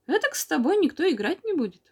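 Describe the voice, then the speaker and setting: A woman's voice: very high-pitched, big pitch swings, fast talker, warm tone, pitched above the performer's own voice, exaggerated voice. A woman doing a mildly reproving father. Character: gently admonishing father.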